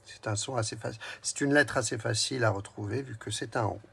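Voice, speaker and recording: A man's voice: medium pitch, fast talker, gravelly, husky. A man teaching a reading lesson to young children, saying each word twice and breaking it into syllables while speaking directly to the child. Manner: addresses the child directly and gently. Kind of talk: slow, clearly spelled-out early reading lesson.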